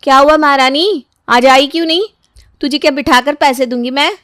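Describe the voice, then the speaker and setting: Woman doing a loud bossy young daughter-in-law. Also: high voice, moderate pace, dry recording, studio quality, pitched above the performer's own voice, lightly acted.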